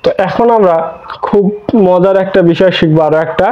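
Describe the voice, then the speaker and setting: A man's voice: high voice, fairly even intonation, fairly quick, mellow. A man teaching an online English grammar lesson, explaining step by step with repeated words and rhetorical questions. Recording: dull lo-fi recording.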